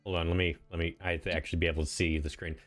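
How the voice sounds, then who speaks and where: A man streaming a mystery game, chatting casually and quickly. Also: low voice, flat delivery, fairly bright tone, faint music behind. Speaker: streamer and voice performer. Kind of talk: casual gaming chat.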